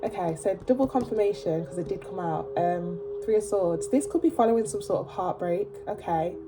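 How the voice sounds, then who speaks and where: A woman's voice: fairly low pitch, brisk, noisy background. A woman with a blocked nose giving a casual tarot reading to camera, chatty and emphatic, often checking in with "okay?". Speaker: tarot reader.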